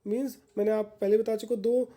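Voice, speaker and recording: A woman's voice: medium pitch, level tone, fairly quick, mellow. A woman teacher giving a grammar lesson for exam candidates, explaining patiently and repeating points in plain words.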